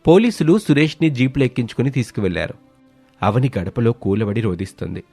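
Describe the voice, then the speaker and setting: A man narrating a scripted animated moral story in a dramatic, measured way. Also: mid-range voice, creaky, faint music behind.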